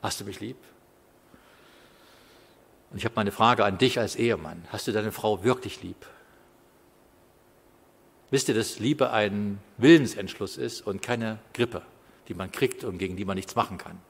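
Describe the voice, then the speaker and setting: Middle-aged guy preaching, husky voice, big reverby hall, goes quiet then loud. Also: lowish voice, moderate pace. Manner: conversational, shifts between quiet asides and loud emphasis. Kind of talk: sermon.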